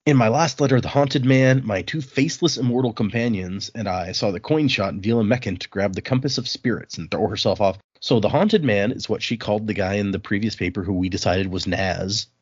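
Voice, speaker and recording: Talking fairly quickly with few pauses, this man recaps a book on his podcast and reads bits of it in a casual, conversational way. His voice is on the low side and breathy, the recording dry with the highs cut off.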